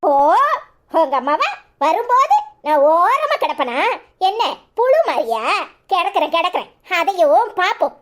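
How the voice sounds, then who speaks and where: A woman voicing a defiant, sharp-tongued young wife in a cartoon, with a Tirunelveli Tamil accent and quick mocking retorts. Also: very high voice, big pitch swings, full character voice.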